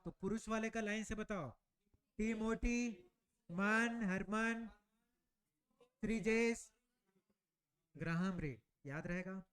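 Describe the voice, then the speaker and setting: A man's voice: high-pitched, clean tone. A male teacher running an exam-prep class, building memory tricks and checking with students often. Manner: asks frequent check questions to the class.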